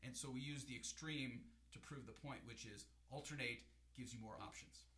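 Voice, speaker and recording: A man's voice: medium pitch, moderate pace. A man teaching a hand-drum class in a casual, explaining way, often checking in with "right?". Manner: shouts drum strokes and counts over playing. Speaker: music teacher. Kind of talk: hand-drum lesson with spoken counting. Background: hand drums playing.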